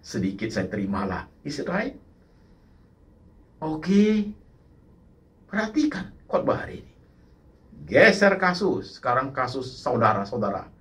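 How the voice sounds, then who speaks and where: A male pastor preaching a sermon in an animated way, slipping English words in and often turning to address the congregation. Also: medium pitch, a little slow, long pauses. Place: church service.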